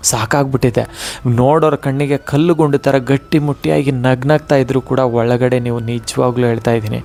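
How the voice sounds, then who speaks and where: A man's voice: medium pitch, creaky, darkish tone. A man giving an earnest, emotional devotional motivational talk, repeating phrases for emphasis.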